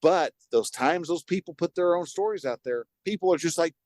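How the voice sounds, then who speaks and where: Man, fairly high voice, animated, laughing, dry close sound. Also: fairly quick, no echo. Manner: animated, laughs often, jumps between topics. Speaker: podcast co-host. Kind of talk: casual chat.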